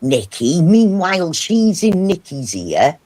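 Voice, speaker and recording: Welsh man, Cardiff accent, husky, animated casual talker. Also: on the high side, slow pace. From Wales. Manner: animated, swears freely. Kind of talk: casual chat.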